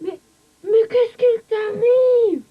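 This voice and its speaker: A woman's voice: very high-pitched, drawn-out words, heavily acted. A woman playing a fussy, reluctant little girl in a dubbed children's cartoon, on dull tape audio.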